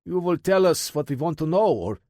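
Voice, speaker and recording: A harsh, menacing interrogator with a thick Russian accent, as a male audiobook narrator voices him. The voice is pushed higher than the reader's own and sounds dry and close. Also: animated, fairly quick, dark tone, no echo, lightly acted. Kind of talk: audiobook character voice.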